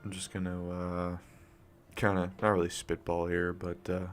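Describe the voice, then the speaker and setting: Close to his desk microphone in a home room, a young streamer who just woke up talks quietly so his family can stay asleep. His raspy voice is low-pitched with little pitch movement at normal speed, and the casual live-stream chat is loose and rambling, packed with fillers, coughs, and swearing.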